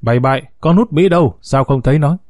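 Man voicing a chatty boatman around fifty, neighbourly and talkative, mellow tone, dry close sound, audio storytelling. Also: medium pitch, fast talker, no room sound, natural voice. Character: middle-aged male boatman, chatty and helpful.

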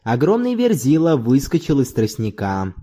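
A man reading a novel aloud as narrator in an expressive, dramatic storytelling manner. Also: medium pitch, moderate pace.

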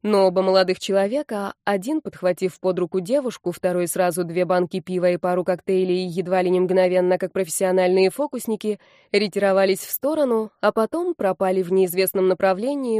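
Give me a woman reading a novel aloud, warm and dry, telling it lively in first person. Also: medium pitch, dry recording. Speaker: narrator. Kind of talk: audiobook narration of a novel.

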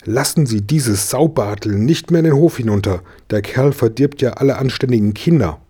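A man reading a storybook and voicing an indignant neighbour woman with a shrill, scolding manner. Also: moderate pace, warm tone, slightly rough, lightly acted.

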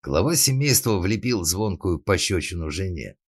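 A man narrating an audiobook in a steady, ironic storytelling manner. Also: sits low, normal speed, breathy edge, no echo, clean studio sound.

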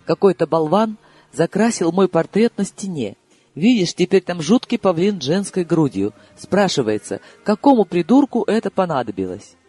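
Brief: impulsive young heroine, played by a male audiobook reader, lively husky voice, swinging up into excited highs. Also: normal speed, hardly any pauses, faint music behind, heavily acted. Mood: indignant. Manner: excitable, raised and high-pitched. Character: tipsy young Russian woman, impulsive and emotional. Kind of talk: audiobook character reading.

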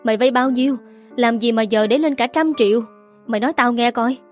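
A woman's voice: a little high, brisk, faint music behind, close to an everyday voice. A woman voicing a frantic aging mother who scolds and wails at her son over his debts. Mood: furious. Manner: wailing, scolding, pleading.

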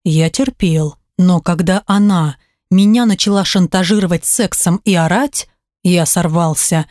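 A woman narrating a romance novel in the first person, with an emotional, expressive telling. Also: lowish voice, unhurried, no room sound, clean studio sound. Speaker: audiobook narrator.

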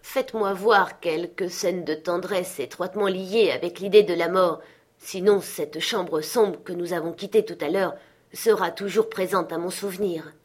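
A woman's voice: fairly low pitch, normal speed, darkish tone, husky. A woman reading aloud voices an old miser who urgently pleads with a spirit. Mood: pleading.

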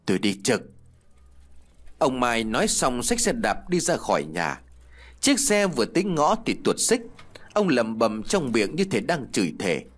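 Lively-voiced male ghost story narrator. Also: mid-range voice, moderate pace.

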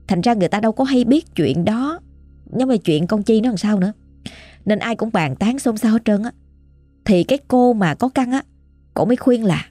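A woman's voice: mid-range voice, warm tone, breathy edge, dry recording. Chatty Southern Vietnamese woman storyteller. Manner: chatty, colloquial, dramatic retelling. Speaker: ghost story narrator. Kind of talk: casual storytelling.

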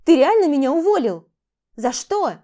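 A clingy young woman begs and pleads in an audiobook, her voice pushed noticeably higher, as a woman reader puts her on. The tone underneath stays mellow and dark. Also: expressive, measured pace. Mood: pleading. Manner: pleading, raised high voice.

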